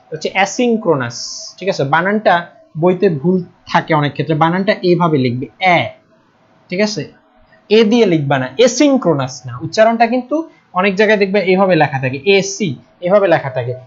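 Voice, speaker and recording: A man's voice: high-pitched, lively intonation, fast talker. Patient Bangladeshi male lecturer, lo-fi stream. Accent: Bangladeshi Bengali. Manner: patient, checks in often with "ঠিক আছে?"; stresses spelling and pronunciation, repeating terms. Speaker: teacher. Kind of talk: live online lecture.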